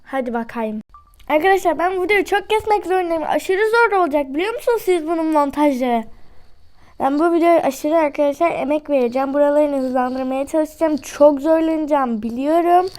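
A woman giving chatty, excitable commentary to her viewers while she plays a game at home. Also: high voice, brisk. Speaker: gaming YouTuber. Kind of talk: casual gameplay commentary.

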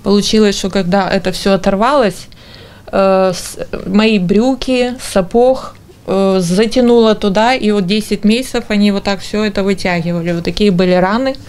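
A woman in her forties giving an informal interview account in halting, broken phrases. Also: medium pitch, a little mellow, smooth. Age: 40s. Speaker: injured interviewee. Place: small indoor kitchen. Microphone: handheld or stand TV microphone before her.

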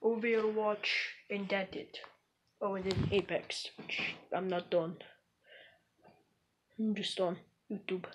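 A woman's voice: medium pitch, steady tone, slow pace, pauses often, breathy edge, rough recording. A woman hosting a casual gaming vlog, talking in an offhand, jokey way and calling her viewers comrades in a mock Russian voice. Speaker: gaming channel host.

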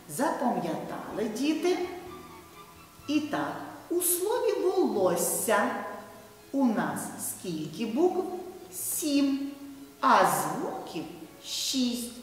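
Slow lively woman teacher, echoey hall. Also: medium pitch. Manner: slow, sing-song, addresses children directly. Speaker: primary school teacher. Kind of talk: video lesson for first graders. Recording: roomy hall, far mic, soft music.

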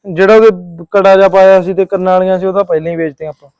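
A man's voice: high voice, little pitch movement, racing, vocal fry, darkish tone, clear, resonant tone, no room sound. Man playing a grumbling young Punjabi husband. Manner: grumbling, defensive. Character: young addicted husband, weary and evasive. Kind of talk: short-film drama acting.

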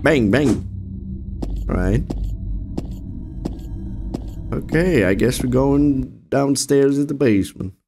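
A young man doing casual game streamer commentary and read-alouds, halting, with muttered asides. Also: mid-range voice, expressive, dark tone. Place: indoor room at home. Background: game music.

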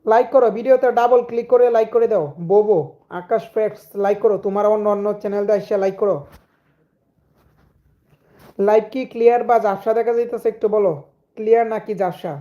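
A hoarse young man, chatting casually with viewers on a live stream and greeting commenters by name. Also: sits high, fairly even intonation, fast talker, lo-fi sound. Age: young adult.

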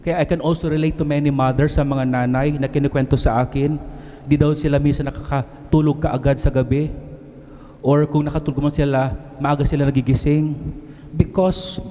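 Earnest Filipino priest in a reverberant church. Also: male voice, mid-range voice, warm tone. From Philippines. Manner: earnest, slows down to stress words; switches between two languages. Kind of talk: homily. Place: church altar, at a lectern. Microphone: handheld mic at the mouth.

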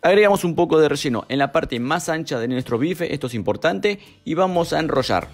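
A young man, calmly narrating a cooking recipe step by step as a voice-over, with music behind him. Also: a little high, fairly quick. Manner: calm step-by-step instructions. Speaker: cooking channel host.

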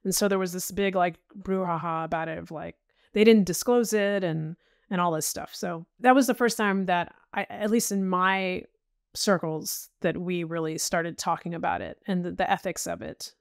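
A woman's voice: fairly low pitch, steady tone, normal speed, dry recording, clean studio sound. A middle-aged woman talking casually as a podcast guest, chatty, with frequent restarts and "you know"s. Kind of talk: casual interview chat.

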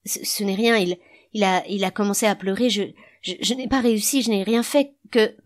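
A woman's voice: mid-range voice, steady tone, moderate pace, a little mellow, pitched above the performer's own voice, natural voice. A woman voicing a timid young husband who stammers nervously. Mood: flustered.

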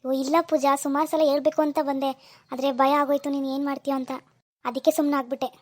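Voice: high-pitched, level tone, fast talker, no echo, close to an everyday voice. A performer playing a young rich man's son who hid his wealth, coaxing and pleading with his fiancée on the phone. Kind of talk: amateur phone-call drama.

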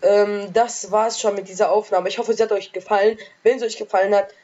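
A woman casually commentating her own game as a let's play gamer, trash-talking excitably, with a sore throat and frequent coughs. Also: medium pitch, brisk, lo-fi sound.

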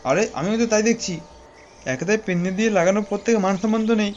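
A man's voice: high-pitched, steady tone, very fast, lo-fi sound, slight background noise. A man voicing a crude bossy older pal. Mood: scolding. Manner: scolding, coarse.

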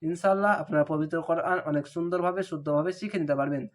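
A man teaching Quran reading, speaking with a Bangladeshi Bengali accent. He spells out the syllables slowly and then chants the whole words. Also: on the high side. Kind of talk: step-by-step recitation lesson.

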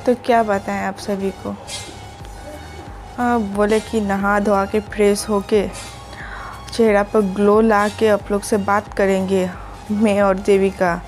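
A young woman from Assam, India, records a chatty vlog at home and talks straight to her viewers. Her voice sits at a middle pitch. Faint music plays underneath. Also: little pitch movement, slow pace, pauses often, a little mellow. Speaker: vlogger. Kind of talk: casual vlog chat. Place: home, indoors.

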